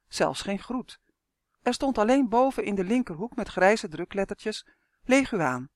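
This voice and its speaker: An audiobook reader calmly narrating a children's story. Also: medium pitch, dry recording, clean studio sound. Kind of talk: scripted narration.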